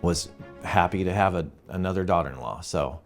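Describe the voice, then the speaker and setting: A man's voice: low-pitched, a little fast, soft background music. A middle-aged man, a guest co-owner of a funeral home, telling stories in a casual interview with frequent laughs and restarts. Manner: animated anecdotes, laughing often, restarts mid-sentence.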